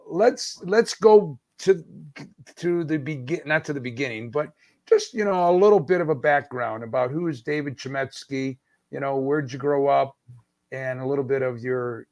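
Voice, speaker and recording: A man's voice: mid-range voice, normal speed, darkish tone, dry recording, studio quality. A man hosting a podcast interview over a video call, friendly and often restarting his sentences. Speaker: podcast host.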